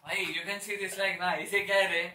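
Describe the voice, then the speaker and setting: A man with an Indian English accent calls out quick, casual banter from the audience. His voice is high. It is picked up at a distance, with room echo and noise. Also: level tone, pushed and bright. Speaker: audience member heckling. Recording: distant, echoey, noisy room.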